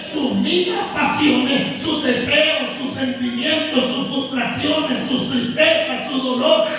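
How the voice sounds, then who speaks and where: A man preaching a sermon as pastor, impassioned and shifting into quiet personal storytelling. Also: extremely high pitch. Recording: echoey hall, distant mic.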